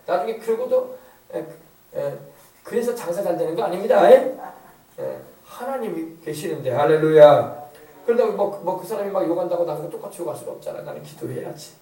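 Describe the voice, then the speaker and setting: Pastor, man, middle-aged, high voice with a mellow tone, emphatic repetitive preaching, echoey church from a distance. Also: animated, fairly quick. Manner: rhetorical questions, emphatic repetition. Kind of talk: sermon. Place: church sanctuary.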